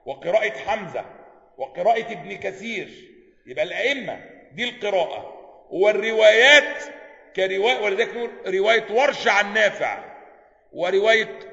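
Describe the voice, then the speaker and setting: A man's voice: high-pitched, fairly bright tone. A man with an Egyptian accent teaching a class on Quranic sciences. He reads a passage aloud, explains it, and keeps asking his students whether they follow. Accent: Egyptian Arabic. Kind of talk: classroom lecture explaining a text. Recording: echoey hall, slightly dull sound.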